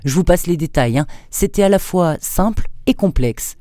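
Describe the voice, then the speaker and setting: A man voicing an older learned marquis, talking his way through a puzzle with eager, rising lift, in a dry, close-miked recording with a warm, mellow tone. The voice stays close and unadorned, an audiobook scholar in full flow. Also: sits high, expressive, normal speed, no room sound, pitched above the performer's own voice. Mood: explaining.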